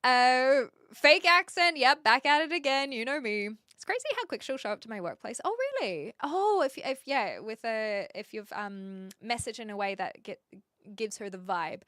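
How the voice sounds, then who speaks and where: A woman's voice: mid-range voice, lively intonation, moderate pace, dry recording, studio quality. A woman with a mild New Zealand accent chatting casually to livestream viewers in a playful, self-deprecating way. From New Zealand, Hamilton. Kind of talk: casual livestream chat, reading and answering viewer comments.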